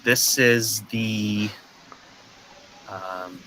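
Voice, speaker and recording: A man from the teaching a beginner English class over a video call, patient and clear, with a friendly welcoming manner. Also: lowish voice, fairly even intonation, drawn-out words, noisy background. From United States, Minnesota. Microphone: video call headset or webcam mic.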